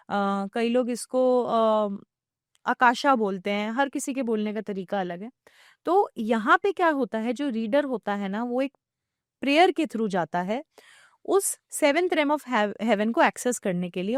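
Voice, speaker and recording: A woman's voice: a little high, no echo, studio quality. Fluent woman explaining at length. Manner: explains at length, mixing English phrases into Hindi. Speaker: Akashic record reader, podcast guest. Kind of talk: explanatory podcast talk.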